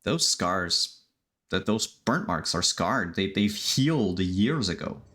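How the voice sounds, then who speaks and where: A man runs a tabletop role-playing game. His voice sits on the low side and moves very slowly, halting as he thinks through what to tell the players. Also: animated, fairly bright tone. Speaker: game master. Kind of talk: tabletop role-play narration.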